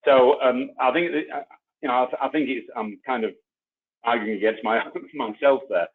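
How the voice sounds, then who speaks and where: A man's voice: medium pitch, steady tone, moderate pace, slightly rough. A man speaking as a panelist in an online webinar, thoughtful and hedging with frequent ums and restarts. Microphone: video call. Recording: tinny phone-like line.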